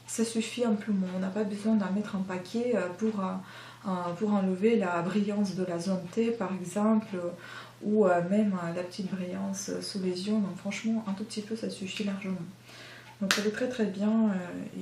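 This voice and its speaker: A woman talks through her makeup purchases in a casual review, pausing often and filling gaps with hesitant sounds. Her voice sits at an ordinary middle pitch. The room is roomy and echoey, with faint ambient noise underneath. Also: a little mellow. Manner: hesitant, many filler sounds. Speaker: beauty vlogger.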